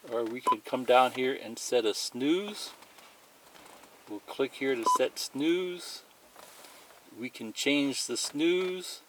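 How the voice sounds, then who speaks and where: Over heavy background noise, a man with a medium-pitched voice walks through a product demonstration step by step. He's a tutorial presenter, speaking plainly and methodically without a script.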